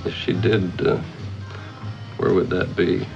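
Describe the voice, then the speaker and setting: An American actor in his thirties playing a cool, terse, unflappable private detective in a 1950s TV crime drama, clipped and deadpan. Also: sits low, slow pace, creaky, exaggerated voice. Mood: probing. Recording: dull vintage TV soundtrack, music behind.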